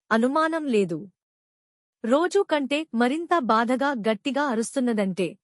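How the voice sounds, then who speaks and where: Woman storyteller, fairly high voice, dry close recording, calm and even. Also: no echo. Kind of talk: scripted children's story narration.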